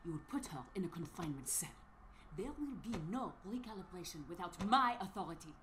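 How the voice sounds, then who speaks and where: A stern, commanding overseer , played by an actress, barks orders and interrogates with a sharply swinging pitch. Her tone is harsh and authoritative, like a video game villain in charge. A faint hiss sits under the voice. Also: expressive, brisk, lightly acted.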